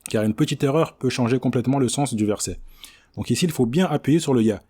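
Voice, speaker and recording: A man's voice: medium pitch, mellow, slightly rough. Patient French man teaching recitation. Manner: patient, repeats and models each word slowly. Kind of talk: explanatory lesson on recitation.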